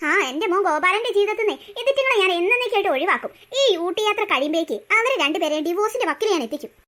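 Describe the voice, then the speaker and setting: This is a scheming old grandmother from a cartoon story, scornful and always scolding, as a woman acts her out. The voice sits very high and runs quick. It has a bright, sharp edge. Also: expressive. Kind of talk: cartoon voice acting.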